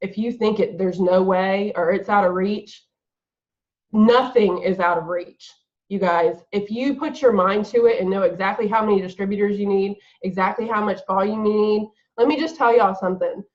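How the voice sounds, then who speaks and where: A woman's voice: mid-range voice, steady tone, moderate pace. Woman, earnest and direct, dull lo-fi call audio. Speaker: guest team leader. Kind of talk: motivational talk on a video call.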